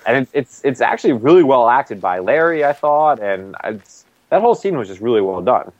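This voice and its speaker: A man's voice: medium pitch, very animated, a little fast, no echo, dull audio. A man co-hosting a casual TV recap chat, talking loosely with lots of "like" fillers. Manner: loose and rambling, many "like" fillers. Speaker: podcast co-host.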